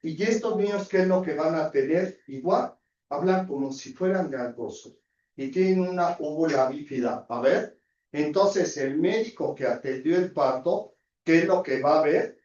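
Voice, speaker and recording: A man's voice: fairly high pitch, moderate pace, a little mellow. Mexican man lecturing in an echoey hall. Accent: Mexican Spanish. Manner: peppers talk with rhetorical questions, tag checks. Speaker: anatomy lecturer and surgeon. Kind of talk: university lecture. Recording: echoey distant dull lecture hall audio.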